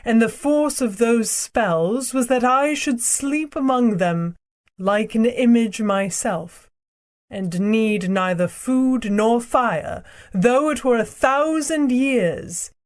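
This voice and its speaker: A woman voicing a proud, cruel ancient queen and sorceress in an audiobook, speaking in a slow, imperious, theatrical way. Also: fairly high pitch. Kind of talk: audiobook character reading.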